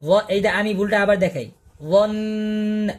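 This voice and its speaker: A man's voice: high voice, a little fast. Man, Quran recitation teacher, online class, patient, repeats sounds, asks the class questions, video call audio.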